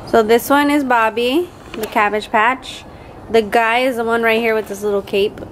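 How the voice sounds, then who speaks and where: High-voiced young woman vlogging after wisdom teeth removal. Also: fairly even intonation, moderate pace, fairly bright tone, low-quality recording. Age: 20s. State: talking two days after wisdom teeth extraction. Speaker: family vlogger and mother. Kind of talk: casual vlog chat. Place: home kitchen, front yard and parked or moving car. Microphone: camera at arm's length. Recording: clear background noise, household and car hum.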